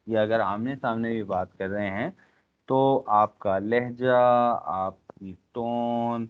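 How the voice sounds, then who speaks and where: A man with a low voice delivers a classroom lecture, stopping often to search for words and checking in with his listeners. The sound is narrow and tinny, like a phone line. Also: clear, resonant tone. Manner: frequent filler pauses, addresses class directly. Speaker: instructor.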